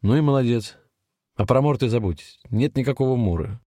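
A man's voice: mid-range voice, brisk, dark tone, no echo, studio quality, natural voice. A man reading as a scornful sinister stranger. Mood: irritated, dismissive. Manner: irritated, scornful, curt. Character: cold, dismissive male stranger, sinister tempter.

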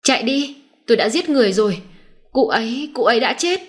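A guilt-stricken young man blurts out words in a stammering panic, as a woman narrator puts him on. She lifts her voice well above its usual pitch. It is an audio storybook reading. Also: animated, fairly quick, natural voice. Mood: panicked.

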